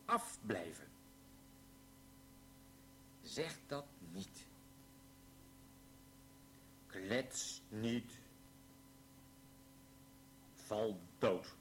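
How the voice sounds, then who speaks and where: Male drill reader: very slow, deliberate, lively intonation, mid pitch. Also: slight background noise. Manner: slow, carefully pronounced sentences. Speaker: language teacher reading examples. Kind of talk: slow read-aloud language drill.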